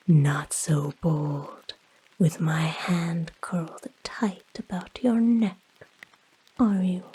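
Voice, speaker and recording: Woman as a slow, breathy, soft-spoken naga in ASMR role-play. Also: on the low side, heavily acted, rough recording. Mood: menacing, warning. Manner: slow, teasing, softly threatening naga. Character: female naga huntress, predatory, coaxing, menacing serpent creature.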